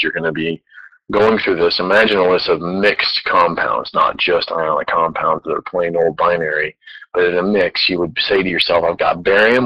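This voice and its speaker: A man's voice: low voice, bright, forceful tone, lo-fi sound. A man teaching chemistry in a recorded lecture, explaining patiently step by step.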